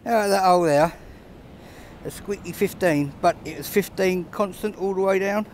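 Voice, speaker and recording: A man's voice: sits high, normal speed, slight background noise. A man giving casual running commentary while metal detecting on a pebble beach, chatty and understated, chuckling between finds, recorded on a handheld camera outdoors. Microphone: camera held close, filming his hands.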